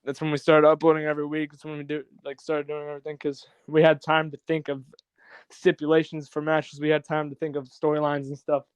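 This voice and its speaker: A man's voice: on the high side, monotone, a little fast, clean tone, no echo. A teenage guy as a podcast guest on a video call, talking in an easygoing, hesitant way full of "like". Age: teens. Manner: easygoing, hesitant, heavy use of "like". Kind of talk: casual chat.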